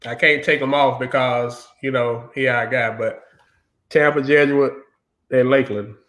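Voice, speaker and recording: A man hosting a casual high school basketball podcast, talking through game picks with friends. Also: steady tone, unhurried, fairly bright tone. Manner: laid-back, picks games with friends. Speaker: podcast host. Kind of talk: casual sports chat.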